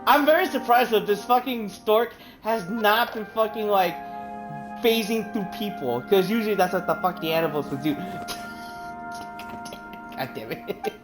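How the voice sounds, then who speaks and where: A woman with a mid-range, expressive voice streams a game at a normal speed, chatting casually, laughing often, and swearing freely. It is casual live game commentary, with game music in the background and low recording quality.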